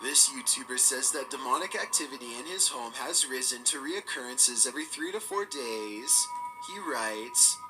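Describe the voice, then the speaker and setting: A man giving scripted narration for a countdown video, in a steady, measured storytelling delivery. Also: medium pitch, over music, rough recording.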